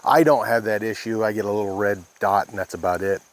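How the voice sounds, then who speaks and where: A man talking casually and unscripted as he hosts a walk-through vlog, explaining things in a plain-spoken, halting way. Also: on the low side, steady tone. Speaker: vlog host, small farm winemaker. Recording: echoey bare room or open space.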